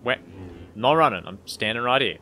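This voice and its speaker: A young man casually commenting on his own game playthrough, chatty and quick to laugh. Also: medium pitch, lively intonation, bright, forceful tone, slight background noise. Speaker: gaming channel host. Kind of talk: casual let's-play commentary. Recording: game music underneath.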